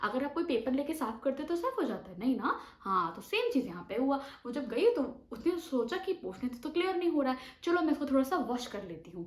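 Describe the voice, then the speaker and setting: A woman giving a mock lesson to imagined young students, animated, asking questions and answering them herself. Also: high-pitched, brisk, few pauses, reverberant, low-quality recording. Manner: imitates animal sounds. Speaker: teacher giving a demo lesson.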